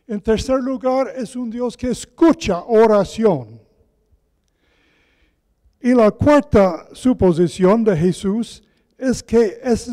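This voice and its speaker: Soft-voiced preacher in echoing church. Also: male voice, high-pitched. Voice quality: soft, gentle voice. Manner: slow, deliberate scripture reading. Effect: heavy echo of a large church hall. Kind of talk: sermon. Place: large echoey church. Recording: long church hall reverb.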